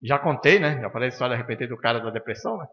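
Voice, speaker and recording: A man with a Brazilian accent from Curitiba teaching an informal spiritist study class, bluntly acting out talks with the people he treats and tagging his points with quick questions. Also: mid-range voice. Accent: Brazilian Portuguese, from Curitiba. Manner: animated, acts out dialogues with patients; blunt and firm, frequent "né?" tags. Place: spiritist center lecture room. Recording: dull lo-fi sound with long hall reverb.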